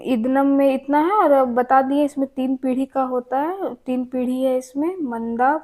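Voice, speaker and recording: A woman's voice: high voice, steady tone, measured pace, a little mellow. A young woman teaching a casual exam-prep lesson, chatty, who keeps asking and then answering her own questions.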